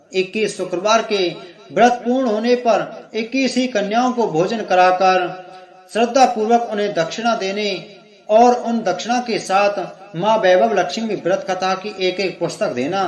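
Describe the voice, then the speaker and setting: A man playing a kindly old temple woman. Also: sits high. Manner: soothing, motherly. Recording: echoey room.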